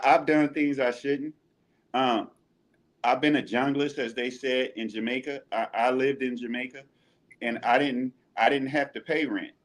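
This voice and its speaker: A man talking in a rambling, halting way in a casual podcast chat. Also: medium pitch. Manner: rambling, halting, with many restarts.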